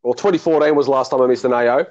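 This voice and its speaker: A man's voice: medium pitch, fairly even intonation, very fast, darkish tone, highs cut off. A man from Melbourne with an Australian accent, hosting a casual chat about tennis and calling the match in a rambling, restart-filled way. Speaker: host and tennis fan commentator.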